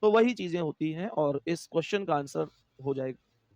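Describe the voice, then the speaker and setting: A man's voice: fairly high pitch, lively intonation, moderate pace, no echo. A male teacher with a Hindi accent giving an online exam-prep class, explaining step by step, repeating himself and counting aloud to his students. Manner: addresses students warmly as dear friends.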